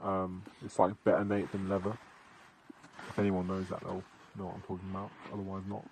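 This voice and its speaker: A man's voice: sits low, completely flat delivery, fairly quick, darkish tone, slight background noise. A young British man rambling casually as a podcast host, with dry humour and plenty of swearing and slang. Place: outdoors in a field at night.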